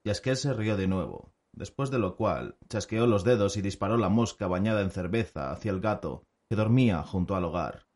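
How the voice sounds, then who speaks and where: Deep voice guy narrating an audiobook, steady and even. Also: moderate pace, hardly any pauses.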